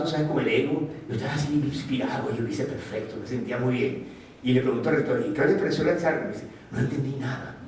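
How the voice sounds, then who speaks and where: A man giving a motivational talk to an audience in an animated way, putting questions to the listeners and acting out quotes. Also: a little high, a little hiss or hum. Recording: distant mic in an echoey room.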